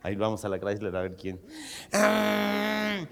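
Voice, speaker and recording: Gravelly comedian telling a joke. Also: male voice, fairly low pitch, big pitch swings, unhurried, a bit bright. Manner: crude, chatty, swears freely. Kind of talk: telling a dirty joke to a live audience.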